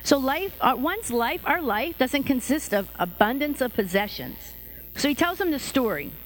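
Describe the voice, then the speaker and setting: Animated woman preaching a casual sermon. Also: moderate pace, slight background noise, poor audio. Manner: lively, acts out quoted voices with big pitch jumps; conversational, repeats and restarts phrases.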